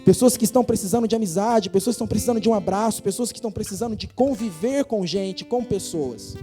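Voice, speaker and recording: A man with a Brazilian Portuguese accent preaching a sermon in a church, earnest and building to forceful emphasis. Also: high voice, fast talker, soft background music. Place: church hall.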